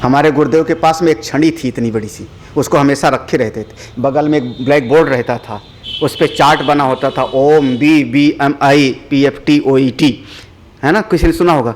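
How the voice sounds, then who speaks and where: A man, a spiritual teacher, giving a religious discourse with animated storytelling. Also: mid-range voice, normal speed, a little hiss or hum. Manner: animated storytelling, rising loud for dramatic moments.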